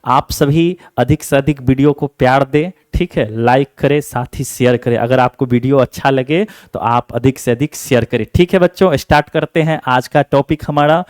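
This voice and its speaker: A man's voice: medium pitch, moderate pace, few pauses, darkish tone, dry recording, clean studio sound. A male teacher giving an exam-focused lesson, asking the class questions and answering them himself, repeating each point.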